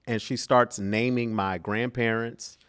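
A man, a minister, as a guest telling lively stories and acting out the voices of people in them. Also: mid-range voice, measured pace, clean tone. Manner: animated storyteller, acts out quotes, bursts of laughter. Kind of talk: casual interview storytelling.

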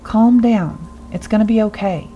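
A woman voicing a take-charge young woman caver who gives steady, commanding orders in a story reading. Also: fairly low pitch, normal speed, dull audio, faint music behind, natural voice. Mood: reassuring.

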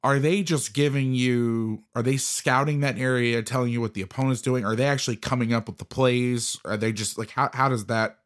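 A man's voice: medium pitch, fairly even intonation, fairly quick, hardly any pauses. A man hosting a casual podcast interview, telling a joking story and asking questions. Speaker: podcast host.

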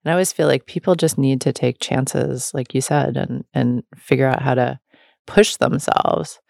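Low-voiced chatty woman host. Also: fairly even intonation, moderate pace, gravelly, darkish tone, dry recording, clean studio sound. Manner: chatty, laughing, with many fillers. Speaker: podcast host. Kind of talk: casual roundtable chat.

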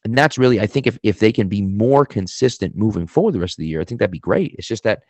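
A man's voice: lowish voice, animated, fast, a little mellow, slightly rough, no room sound. A man with a mild Boston accent giving casual sports analysis as a podcast guest.

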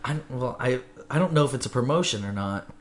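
A man's voice: medium pitch, lively intonation, brisk. Young male podcast co-host, casual and rambling, laughs easily, mid-range voice. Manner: laid-back, rambling, laughs often. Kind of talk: casual chat.

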